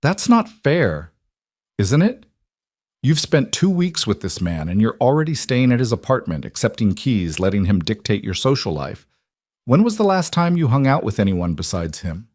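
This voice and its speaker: A man's voice: medium pitch, sing-song, moderate pace, darkish tone, no echo, clean studio sound. A man voicing a worried, protective young woman friend in a read-aloud story, pleading and pressing.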